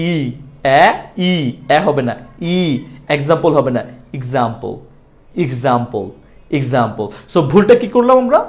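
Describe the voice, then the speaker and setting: Lively quick-talking male teacher. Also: on the high side. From Bangladesh. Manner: repeats words in drills, asks and answers his own questions. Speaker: English pronunciation teacher. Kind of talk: lively video lesson in Bengali.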